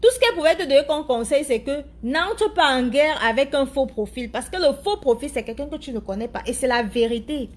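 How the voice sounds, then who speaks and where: A woman's voice: high voice, animated, brisk, hardly any pauses. A woman with an African French accent, chatting casually to her viewers, often hunting for words and repeating herself. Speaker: live streamer answering viewers' comments. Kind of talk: casual chat commentary.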